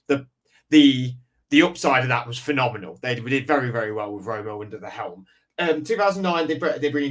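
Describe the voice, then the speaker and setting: A man co-hosting a casual sports podcast, eager, listing facts with stumbling restarts. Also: mid-range voice. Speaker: podcast co-host.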